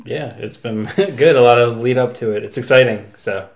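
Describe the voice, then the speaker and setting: Mid-pitched male podcast co-host. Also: normal speed. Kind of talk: casual chat.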